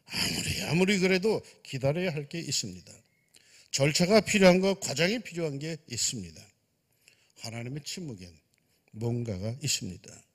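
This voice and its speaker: A man, a pastor, preaching a sermon with dramatic swings between loud exclamations and hushed asides. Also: on the high side. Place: church sanctuary. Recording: church sanctuary with long reverb.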